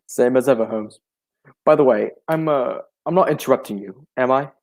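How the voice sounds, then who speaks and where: A man takes the role of a genial older gentleman doctor in a 1940s-style radio drama, with a hospitable, old-fashioned storytelling manner. He speaks slowly at medium pitch, and his mood is friendly.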